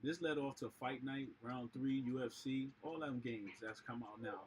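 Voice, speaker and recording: A man giving casual, excited running commentary while playing a boxing video game on a live stream, full of grunts and exclamations. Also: mid-range voice, normal speed, a little hiss or hum, low-quality recording. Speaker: livestream gamer.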